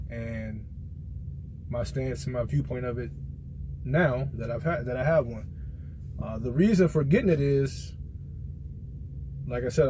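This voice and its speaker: Against a noisy background, a truck driver from America with a mid-range voice chats informally in a rambling vlog. He tells stories from experience and offers his opinion on a product.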